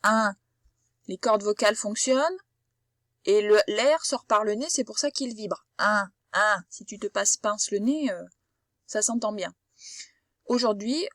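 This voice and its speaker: A woman's voice: medium pitch, no room sound, clean studio sound. A woman giving a patient phonics lesson to a child, sounding out each word with care. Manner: slow, patient, carefully articulated explanation. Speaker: primary school teacher.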